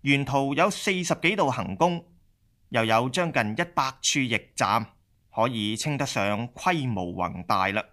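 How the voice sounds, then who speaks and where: A male narrator reads a scripted history lesson. He keeps his delivery steady and explanatory, with a voice of middling pitch. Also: measured pace.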